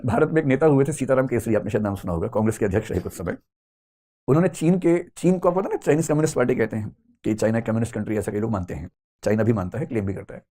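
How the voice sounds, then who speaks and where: A man's voice: medium pitch, rapid-fire, dark tone. A middle-aged man giving a conversational classroom lecture, asking the students questions as he goes. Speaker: teacher.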